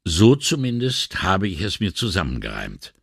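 A man voicing a calm, thoughtful middle-aged male police commissioner in an audiobook, measured and reasoning. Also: low-pitched, gravelly, slightly rough, no echo, clean studio sound, exaggerated voice. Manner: measured and reasoning, gently wry. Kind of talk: audiobook character reading.

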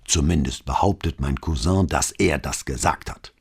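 Man doing a gossipy newsagent, gloating, conspiratorial, very deep, husky. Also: normal speed, exaggerated voice. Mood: gossiping. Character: gossipy male newsagent relishing bad news. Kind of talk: audiobook dialogue.

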